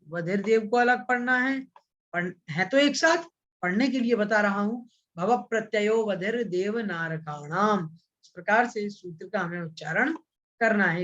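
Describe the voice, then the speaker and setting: A man teaching an online scripture class, patiently explaining and repeating points, and chanting Sanskrit verses slowly. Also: high voice, fairly bright tone, highs cut off. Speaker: religious studies teacher.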